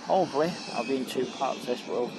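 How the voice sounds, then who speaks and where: A man's voice: fairly quick, noisy background. A man vlogging as he rides a mobility scooter along a seafront promenade, giving a chatty, rambling running commentary. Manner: chatty, rambling, lively pitch. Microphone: camera on a mobility scooter.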